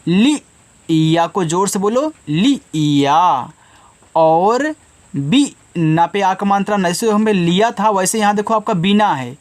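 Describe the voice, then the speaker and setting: A man teaching children to read, slowly sounding out each syllable and then saying the whole word. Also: high voice, a little mellow. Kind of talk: slow Hindi reading lesson for children.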